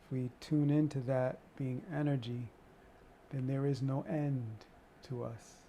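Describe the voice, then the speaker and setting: A man leading a qigong energy meditation and prayer as an instructor, with an unhurried, encouraging, spiritual way of talking. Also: mid-range voice, little pitch movement, mellow, a little hiss or hum.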